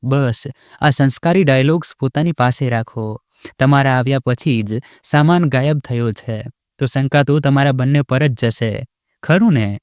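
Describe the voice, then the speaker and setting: A man voicing an arrogant, scornful rich young wife who taunts and shouts in a sharp voice. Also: mid-range voice, measured pace, clear, resonant tone, no room sound, clean studio sound, lightly acted. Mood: contemptuous.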